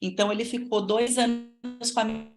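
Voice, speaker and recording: A Brazilian woman in her forties, with a Brazilian Portuguese accent, hosts a live stream and tells her own story as casual chat. Her voice sits a little high for a woman. She talks lively and warmly straight to her viewers and answers their comments. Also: a little fast, music in the background.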